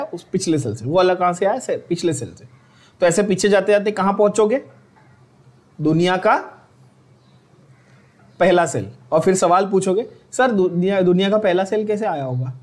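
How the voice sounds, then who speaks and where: A young Indian man gives a biology lecture in a high, light voice. He chats and jokes with his students, then drops to a slow, deliberate pace to dictate the lines they must remember. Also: a little mellow. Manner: chatty, joking asides, slows right down to dictate English lines. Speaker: biology teacher. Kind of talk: online exam-prep lecture.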